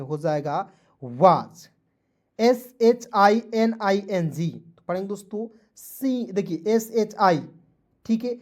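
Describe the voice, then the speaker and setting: A man's voice: sits high, darkish tone. A male teacher giving an online English spelling and pronunciation lesson, spelling words letter by letter and often checking that his viewers follow. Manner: spells words out letter by letter, repeats them slowly; constantly addresses viewers as friends, checking "clear?".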